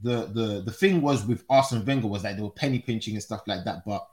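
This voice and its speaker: A man's voice: lowish voice, fast talker, darkish tone. A man in casual football chat, making points emphatically and repeating words as he builds them. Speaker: football fan panellist on a podcast.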